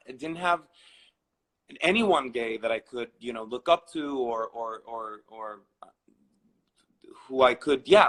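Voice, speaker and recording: A man's voice: mid-range voice, a bit bright. A man in his thirties from Venezuela, telling his personal story with many restarts and fillers. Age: 30s. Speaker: guest.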